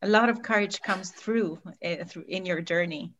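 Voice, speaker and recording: A woman's voice: on the low side, moderate pace. Effusive woman co-host, slightly dull sound. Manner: warm, effusive, searching for words. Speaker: podcast co-host. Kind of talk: casual interview chat.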